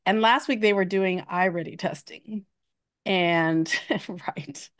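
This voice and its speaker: A woman's voice: on the low side, takes it slowly. A woman educator co-hosting a casual podcast chat, telling stories with frequent laughs while getting over an illness. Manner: chatty storyteller, laughs often. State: recovering from illness. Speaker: math educator, co-host.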